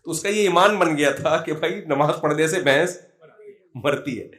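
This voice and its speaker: Speaking on the high side with a fairly bright tone, this middle-aged man delivers an Islamic religious talk. He keeps it chatty and peppers it with humorous stories.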